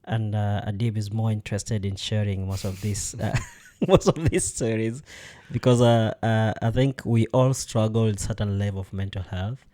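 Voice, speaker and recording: A male podcast host chats casually, with frequent pauses and fillers. His voice sits low and sounds warm and relaxed. He laughs easily as he talks. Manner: hesitant, many fillers, laughs often. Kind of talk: casual conversation.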